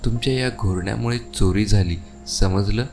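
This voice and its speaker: A brisk young inspector fires off sharp questions in a fairly low voice, as a man reads the part. Soft music plays underneath. The pace stays quick and commanding. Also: natural voice. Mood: stern questioning.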